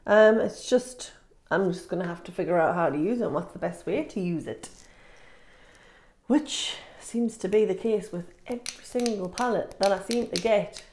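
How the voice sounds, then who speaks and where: A beauty vlogger chats casually to camera while reviewing makeup, sounding informal, self-deprecating, sniffly and congested, with a nasal quality. Her voice is medium-pitched and a little mellow at normal speed, recorded in an echoey room with slight background noise.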